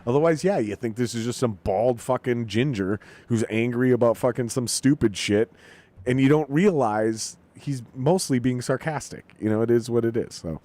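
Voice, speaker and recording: In a medium-pitched voice at normal speed, a podcast host chats casually, his talk loose, animated and full of profanity. He often makes jokes at his own expense.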